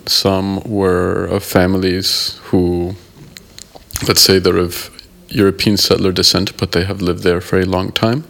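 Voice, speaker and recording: Low, level-voiced man, measured and thoughtful. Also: level tone, vocal fry, fairly bright tone. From United States. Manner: thoughtful, measured, pausing to rephrase. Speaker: guest, member of an art collective. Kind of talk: interview.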